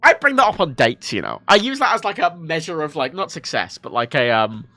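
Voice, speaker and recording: A drunk male streamer, born in Ireland and raised in England, rambling loosely and cursing freely. His voice is bright and sharp, with a pitch that swoops up and down all the time. The sound is dry and close, with no room around it. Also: big pitch swings, fairly quick, no room sound. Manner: self-deprecating, swears a lot, rambling. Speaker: livestreamer. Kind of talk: casual rambling stream chat.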